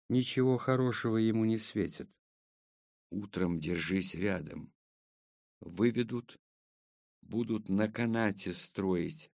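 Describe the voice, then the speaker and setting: A man reading a first-person audiobook in a measured, wry storytelling manner. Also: lowish voice, darkish tone, no room sound, studio quality. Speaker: narrator.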